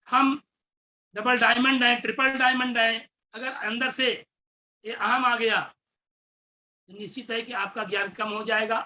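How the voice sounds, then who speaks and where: An Indian man with an eastern Uttar Pradesh Hindi accent speaks in a bright, forceful voice. He explains his points earnestly, like a teacher, and repeats key phrases for emphasis. A faint hiss of background noise sits under the recording. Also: very high-pitched. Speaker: teacher and network marketer. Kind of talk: motivational business talk.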